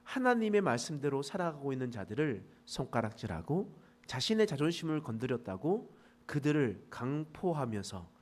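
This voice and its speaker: Gyeongsang guy preaching a morning sermon, really animated up-and-down voice, gets soft and earnest when he prays. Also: mid-range voice. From Gyeongsang region, Korea. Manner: animated storytelling, retells scenes with lively vocal swings; slows and softens into earnest exhortation and prayer. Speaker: pastor.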